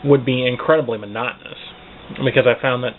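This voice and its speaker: A man's voice: medium pitch, fairly even intonation, fast talker. A man giving a casual spoken product review, hesitant and searching for words as he goes. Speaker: pipe tobacco reviewer. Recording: tinny, phone-like band, clearly noisy.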